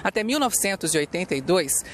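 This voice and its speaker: A man reading a short, informative news segment in an even tone. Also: high-pitched, quick pace, a little hiss or hum. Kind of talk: scripted news narration.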